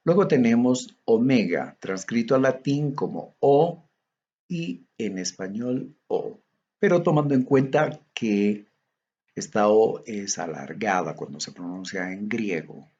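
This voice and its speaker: In a lo-fi recording of a theology lecture, a man from Bolivia goes methodically and at a slow, measured pace through tables of Greek letters. His lowish voice is animated, warm, and slightly rough.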